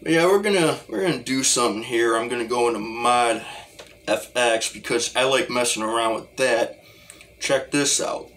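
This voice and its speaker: This hobbyist talk box musician gives a casual demo, rambling and frequently repeating how his phrases begin. He speaks at a moderate pace in a mid-range voice with a fairly bright tone.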